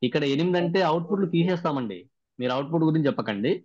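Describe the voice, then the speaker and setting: A man's voice: fairly high pitch, expressive, racing, darkish tone, slightly rough, no echo. Man quizzing trainees over a muffled call. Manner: keeps quizzing participants. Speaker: workshop trainer. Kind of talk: recap of a training session. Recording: dry, muffled video-call audio.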